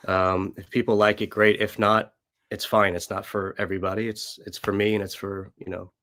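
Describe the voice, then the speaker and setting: A man in his late thirties with a hoarse, worn-out voice, chatting casually as a musician guest in an interview. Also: on the low side, level tone, moderate pace, fairly bright tone, no room sound, studio quality. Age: late 30s. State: voice worn out from gigging.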